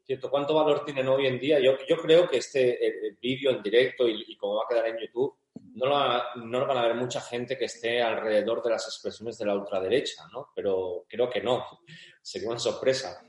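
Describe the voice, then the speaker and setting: A man's voice: medium pitch, steady tone, a little fast. Casual male interviewer in a roomy space. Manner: casual, keeps adding tag questions. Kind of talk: casual live-stream interview. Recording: roomy echo.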